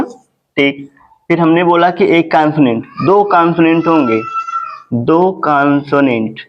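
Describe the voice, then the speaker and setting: A male teacher giving a phonics lesson, repeating words slowly and asking questions to the class. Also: a little high, lo-fi sound, a little hiss or hum. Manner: slow, repetitive, drawn-out teaching.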